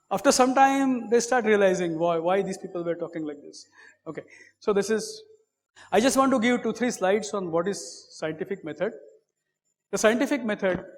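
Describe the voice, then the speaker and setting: A man with an Indian English accent giving an academic lecture as a professor, measured and repetitive, with many fillers and frequent "okay". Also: sits high, long reverb tail.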